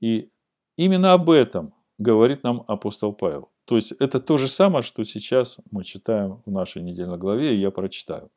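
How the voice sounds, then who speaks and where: In a preacher-like manner, a man reads and explains scripture deliberately, stressing important words as he teaches. His pitch is fairly low and his tone darkish, yet his delivery is animated.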